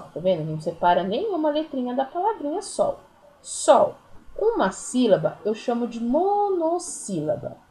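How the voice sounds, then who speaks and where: Patient Brazilian teacher with lively pitch. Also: female voice, low-quality recording. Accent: Brazilian Portuguese. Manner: slow, patient explaining with diminutives and counting aloud. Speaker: primary school teacher. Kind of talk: recorded remote class lesson.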